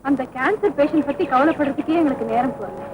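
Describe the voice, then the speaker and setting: A woman's voice: high-pitched, fast talker, muffled recording, slight background noise, lightly acted. An actress playing an earnest, easily upset young woman in a film comedy, pleading and tearful. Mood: worried. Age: young adult.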